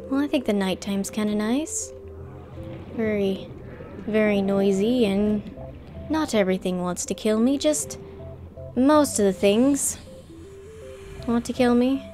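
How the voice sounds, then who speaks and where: A woman's voice: mid-range voice, slow pace, pauses often, mellow, faint music behind. A woman casually commentating her gameplay, chatty and playful, talking to herself and to the game. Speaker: gameplay streamer. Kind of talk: casual let's-play commentary.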